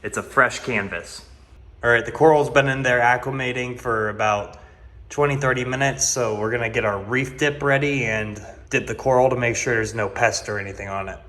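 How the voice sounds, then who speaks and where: A man's voice: mid-range voice, steady tone, fairly quick, a bit bright. A man narrates a casual hobby vlog in a mid-range voice, speaking informally and straight to his viewers. His voice echoes around a bare-walled room at home. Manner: informal, addresses viewers as guys. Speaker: aquarium hobby vlogger.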